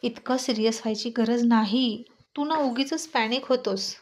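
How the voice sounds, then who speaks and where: A woman's voice: a little high, normal speed, lightly acted. A woman voicing a playful young wife who teases carelessly. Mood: teasing. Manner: teasing, carefree.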